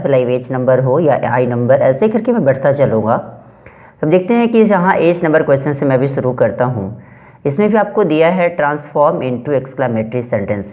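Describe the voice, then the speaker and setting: A male teacher leads a grammar lesson at an unhurried classroom pace. He reads each example sentence out slowly and deliberately, then explains it step by step. Along the way he poses questions to his students and answers them himself. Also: fairly high pitch, mellow.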